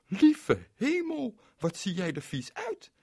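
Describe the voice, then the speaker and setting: A shrill, bossy storybook mother who exclaims and nags her son, her voice climbing far above a man's range. A man plays her in falsetto. Her husky tone leaps about with lively swings. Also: takes it slowly, full character voice. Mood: scolding. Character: fussy scolding mother of a boy.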